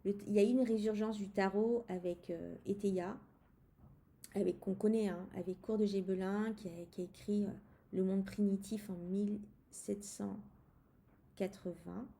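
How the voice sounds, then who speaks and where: A woman talks through a tarot deck in a loose, chatty way, speaking straight to the viewer. Her voice has a gravelly edge and a dark, mellow tone. She hesitates often, filling gaps and restarting her sentences. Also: mid-range voice, fairly even intonation, normal speed. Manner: hesitant, many fillers and restarts. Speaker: tarot reader presenting a deck. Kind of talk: casual spoken deck review.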